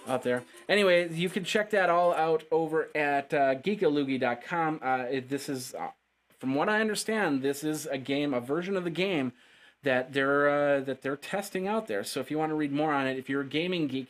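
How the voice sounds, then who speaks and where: A man hosting a casual tech news show, chatty and upbeat, often stumbling and restarting his phrases. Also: mid-range voice.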